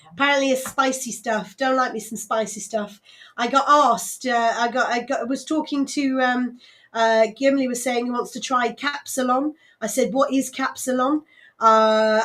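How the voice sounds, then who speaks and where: A woman's voice: on the high side, a bit bright. A woman hosting a live local radio show with a West Country English accent, chatting casually and rambling with frequent laughs and fillers. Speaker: radio host.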